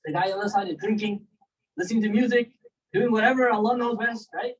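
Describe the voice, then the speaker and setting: A man giving a casual, animated religious storytelling lecture, often checking in with his listeners. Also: high-pitched, quick pace, breathy edge. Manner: animated, conversational, asks listeners "right?" and "you know?". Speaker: Islamic lecturer. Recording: distant mic, poor sound quality.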